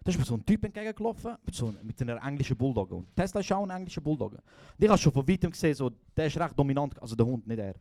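A man's voice: mid-range voice, big pitch swings, racing, few pauses, a little mellow. A young man with a Swiss German accent, a podcast host telling a comic story at a live show, slangy and laughing often.

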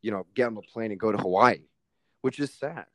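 Chatting on a podcast as a guest, a young man speaks a little quickly in a fairly low voice with a fairly bright tone. He's emphatic and casual, using plenty of fillers and the odd swear word, and there's no room sound.

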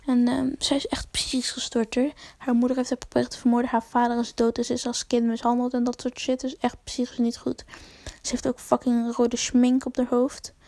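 A woman's voice: on the high side, completely flat delivery, fairly quick, warm tone, no room sound. A young woman telling a rambling, slangy story to camera, full of fillers and swearing. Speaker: vlogger.

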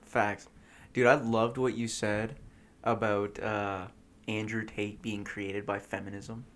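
A man's voice: lowish voice, flat delivery, slow. A young man co-hosting a casual podcast, rambling through his stories with lots of fillers and laughing as he tells them. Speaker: podcast co-host.

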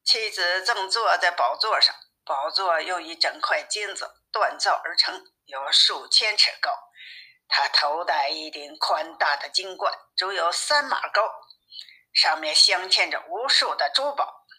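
A woman with a somewhat low voice tells a children's fairy tale in steady, expressive narration. Her tone is very bright and sharp. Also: unhurried, poor audio. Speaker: storyteller.

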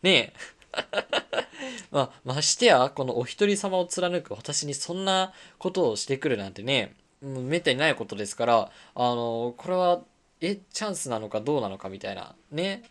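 A woman's voice: very deep voice, normal speed. A young adult woman hosting her own talk radio show, telling stories casually and acting out the lines of people she met. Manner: animated storytelling, acting out quoted lines.

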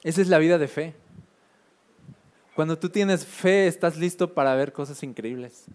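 A man preaches in a relaxed, chatty way, with a smooth, resonant tone. He leans on filler tags and repeats key phrases to build emphasis. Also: fairly high pitch, moderate pace. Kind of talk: casual sermon.

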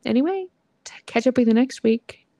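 Playful young woman with a gravelly edge. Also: a little high, expressive, mellow, dry recording. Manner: playful, jokey, quick asides. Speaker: podcast co-host. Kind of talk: casual chat.

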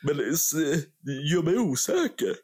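A man's voice: on the high side, breathy edge. En ung man från Sverige som programledare i en podcast, pratar livligt och skämtsamt med svordomar. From Sweden. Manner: animated, joking, swearing storyteller. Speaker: podcast host. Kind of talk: casual chat.

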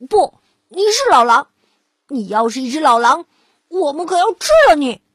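Woman doing loud, suspicious little pigs. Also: very high voice, expressive, a little slow, no echo, voice pushed up. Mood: accusing. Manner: loud, probing questions.

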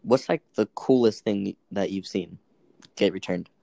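A man's voice: lowish voice, unhurried, gravelly, dark tone, dry recording. A young man in casual chat, playful and teasing, talking in slang.

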